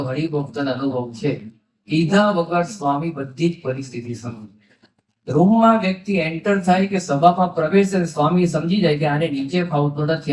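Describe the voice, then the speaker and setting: A man, a monk, telling devotional stories in a sermon and acting out the dialogue in them. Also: a little high. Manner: animated storytelling, acts out quoted dialogue. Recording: echoey hall, mic at a distance.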